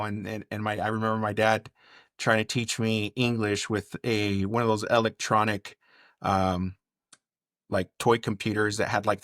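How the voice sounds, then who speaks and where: A chef from Bakersfield, California, speaks as a podcast guest, reminiscing conversationally and in detail about his past. His voice is fairly low and fairly bright, recorded dry with studio quality.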